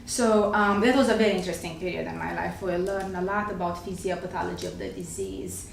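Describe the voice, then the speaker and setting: Her lowish voice has lively intonation, a quick pace and vocal fry: she is a middle-aged gastroenterologist from Romania, speaking with a Romanian accent as a guest on a talk show. She explains carefully, using hesitant fillers, in an echoey room recorded on a distant mic with faint noise.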